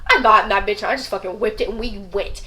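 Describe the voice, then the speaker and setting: A woman's voice: medium pitch, fast talker, poor audio. A young woman telling her story in a casual vlog, swearing often and ranting with a lot of feeling. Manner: profane, animated, rants. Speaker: vlogger.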